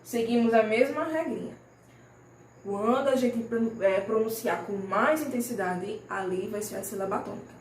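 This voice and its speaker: A woman teaching young children in a recorded lesson, her voice a little high and patient. She draws example words out slowly and checks in often. The sound is roomy and set back from the mic, with a faint hiss underneath. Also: far from the mic. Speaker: primary school teacher. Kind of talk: recorded remote class lesson.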